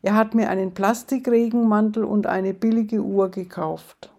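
A woman's voice: mid-range voice, steady tone, moderate pace, dark tone, lightly acted. A woman voicing a bragging wife showing off over morning coffee with friends. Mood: boastful.

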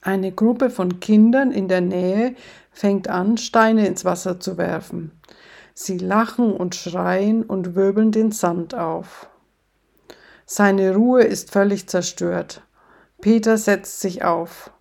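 A woman tells comic stories at an unhurried pace. Her voice has a steady, gravelly creak, and she narrates plainly between the voices she puts on. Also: mid-range voice. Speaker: joke teller. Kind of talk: comic storytelling.

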